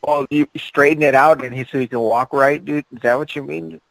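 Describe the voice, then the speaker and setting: A man's voice: medium pitch, steady tone, a little fast, vocal fry, a bit bright, rough recording. A man co-hosting a casual horror podcast, teasing his friends and saying dude constantly. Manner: teasing, says dude a lot. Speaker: podcast co-host.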